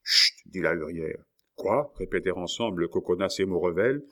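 A man narrating a novel as an audiobook reader, in a steady, measured way. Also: sits low.

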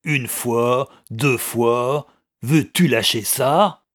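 A man doing a gruff brutish card player. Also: medium pitch, slow pace. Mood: angry. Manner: gruff and blunt, loud when crossed. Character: brutish burly male card player, drinker.

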